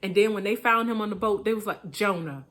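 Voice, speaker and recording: A woman's voice: medium pitch, flat delivery, fast talker, fairly bright tone. A woman preaching casually about choices, talking colloquially, repeating herself and laughing at her own asides. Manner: colloquial, repetitive, laughs at herself, many restarts. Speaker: preacher, motivational speaker.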